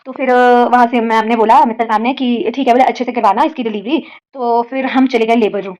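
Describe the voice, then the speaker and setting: A woman's voice: fairly high pitch, fairly even intonation, fairly quick, a little mellow. A young woman vlogging a personal story in Hindi-English mix, rambling with fillers and emotional retellings. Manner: rambling, heavy use of fillers; emotional, retelling quoted pleas.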